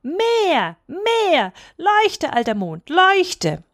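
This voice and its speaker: Lady putting on a squeaky little boy yelling for more, cheeky storybook kid, very high. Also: very animated, moderate pace, no room sound, clean studio sound. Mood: demanding. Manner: shrill, shouting, insistent.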